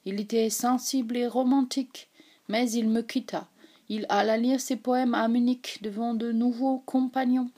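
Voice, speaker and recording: A woman's voice: fairly high pitch, fairly even intonation, extremely slow, long pauses, whispered. A woman reading aloud, voicing a despairing German officer who breaks into anguished cries. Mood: sorrowful. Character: anguished German officer, man, middle-aged.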